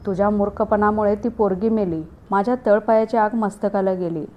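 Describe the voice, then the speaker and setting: Woman reading a rough scolding police officer. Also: medium pitch, fairly even intonation, a little fast, a little mellow, slight background noise, lightly acted. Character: harsh, abusive male police officer.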